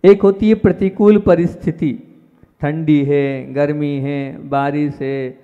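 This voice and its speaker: A man, a Jain monk, giving a sermon and speaking to his listeners directly, with emphatic jumps in pitch and loudness on key words. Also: steady tone, slow. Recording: dull reverberant hall sound.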